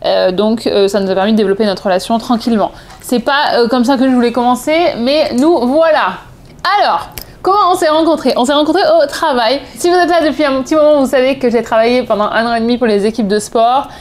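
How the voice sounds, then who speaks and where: With a fairly high pitch, this woman talks fast. In her thirties and from southeast France, she vlogs with a French accent, sharing personal stories to camera in a chatty, digressive manner and often fixing what she just said.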